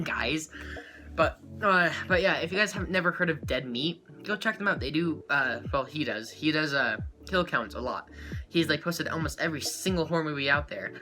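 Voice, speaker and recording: A man giving a rambling, excitable life update to his viewers as a small YouTuber, full of fillers and quick laughs. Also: on the high side. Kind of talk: casual chat to camera.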